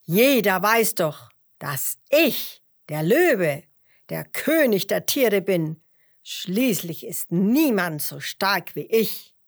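A woman's voice: mid-range voice, very animated, slow, exaggerated voice. A woman voicing a proud, hot-tempered male lion who roars and boasts in a children's story. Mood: indignant. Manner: roaring, boastful.

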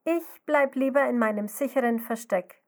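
A woman's voice: fairly high pitch, moderate pace, voice pushed up, natural voice. A woman voicing a timid, frightened baby snail girl in a children's story, refusing with fearful insistence. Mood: scared.

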